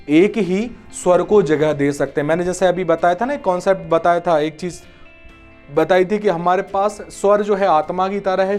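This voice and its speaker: High-voiced man teaching Hindi grammar. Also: a little mellow. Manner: explanatory, checks understanding with rhetorical questions. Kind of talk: exam-prep Hindi lecture.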